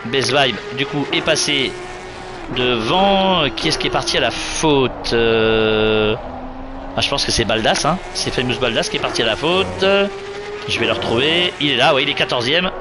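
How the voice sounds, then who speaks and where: A man's voice: medium pitch, moderate pace. A man working as a motorsport commentator, calling a live race play-by-play with urgent warnings and recaps of the standings. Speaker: motorsport commentator for an online sim racing league. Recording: clear car and engine noise. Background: racing car sounds.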